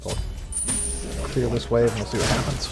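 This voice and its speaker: A man giving casual, hesitant gameplay commentary as a streamer, low-key and self-deprecating. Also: steady tone, moderate pace, gravelly. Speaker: game streamer. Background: game music and effects.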